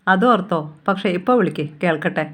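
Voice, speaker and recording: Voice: mid-range voice, quick pace, fairly bright tone, natural voice. A storyteller voicing a teasing, caring young woman friend in a novel reading, with playful, coaxing questions.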